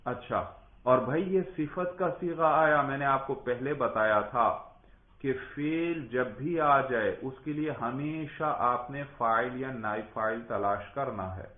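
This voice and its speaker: A male teacher leads a classroom grammar lesson, patiently putting questions to a student and echoing the answers back. His voice sits at a mid pitch. The sound is thin and tinny, as if carried over a narrow line, and it rings around an echoey room. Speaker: religious school grammar teacher.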